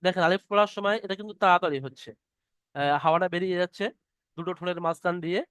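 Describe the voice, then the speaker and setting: A man teaching the Arabic alphabet in an online class, patiently sounding out each letter slowly and explaining how to pronounce it. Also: high voice, a bit bright, clean tone, no room sound. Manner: slow, patient, drawn-out letter demonstrations. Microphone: computer mic on a video call.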